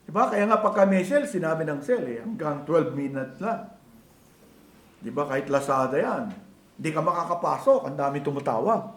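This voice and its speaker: Filipino male preacher, higher register, asks the congregation question after question, reverberant church sound. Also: animated, fairly quick. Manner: switches between Tagalog and English, conversational preaching with rhetorical questions. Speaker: pastor. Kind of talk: sermon.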